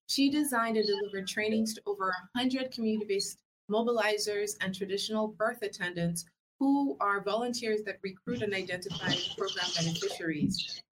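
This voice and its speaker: A woman's voice: mid-range voice, low-quality recording. Woman hosting, with background noise. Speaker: interview show host. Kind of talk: measured interview hosting.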